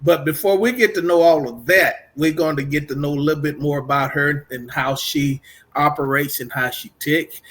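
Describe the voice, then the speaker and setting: A man's voice: fairly high pitch, fairly even intonation, moderate pace, fairly bright tone. A middle-aged man from Texas hosting a casual radio interview, rambling and repeating himself in an upbeat way. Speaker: podcast and radio host.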